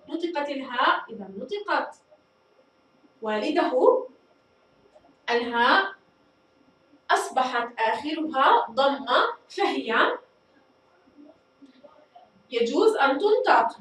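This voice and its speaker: High-voiced woman teacher in an echoey room. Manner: slow, deliberate explaining, repeats and stretches words; addresses pupils warmly, praises them. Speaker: fifth-grade Arabic teacher. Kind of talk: recorded classroom lesson. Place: echoey school studio room. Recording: very echoey room, voice far from mic, faint noise.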